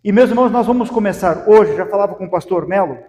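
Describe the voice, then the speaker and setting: The sermon comes from a Brazilian pastor who talks fast in a high, ringing yet mellow voice, his Brazilian Portuguese accent clear. He keeps asking rhetorical questions, and the muffled recording echoes with a long reverb through a large hall.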